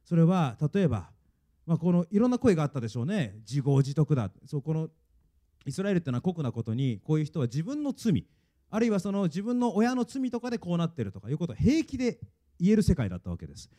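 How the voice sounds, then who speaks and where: Male pastor, mellow dark voice, earnest sermon, a bit higher than average. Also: sing-song, fast talker. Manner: earnest, emphatic preaching, leads congregation in reading.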